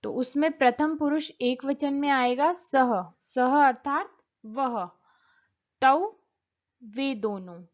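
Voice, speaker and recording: A woman's voice: sits high, lo-fi sound. A woman teaching a Sanskrit lesson, carefully spelling out words sound by sound and giving their meanings. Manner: spells words out letter by letter, gives Hindi and English meanings. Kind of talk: slow, explanatory classroom lesson.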